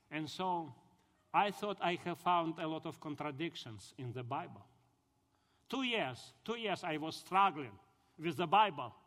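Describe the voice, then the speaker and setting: Ukrainian guy, high voice, telling his testimony in broken english, big echoey hall. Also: fairly bright tone. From southern Ukraine. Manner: halting, earnest storytelling in broken English. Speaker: speaker giving his testimony. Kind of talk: personal conversion testimony. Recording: long hall reverb.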